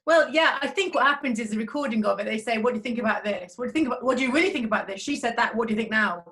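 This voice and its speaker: Female entrepreneur guest from North Wales, casual chat, enthusiastic, slightly high voice. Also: racing, a bit bright. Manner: enthusiastic, leading with ideas and tag questions.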